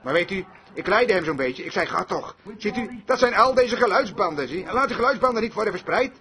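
Bright high-voiced male preacher. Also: expressive, fast. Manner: storytelling preacher who acts out dialogues. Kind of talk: sermon.

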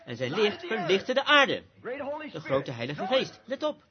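A man preaches a fiery sermon in a high voice that swoops widely up and down. He speaks with passion and breaks into shouts. The recording is dull and lo-fi, with a crowd behind him. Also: sing-song, measured pace. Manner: impassioned, rising to shouts.

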